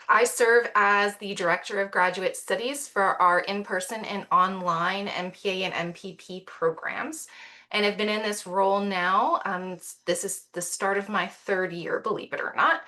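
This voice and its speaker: A woman speaking on a video call with a bright, clear voice. She talks in an easy, chatty way and jokes about herself as she explains her work. She uses plenty of fillers. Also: medium pitch. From Miami. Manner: chatty, self-deprecating, many fillers. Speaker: graduate program director. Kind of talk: casual online info session talk.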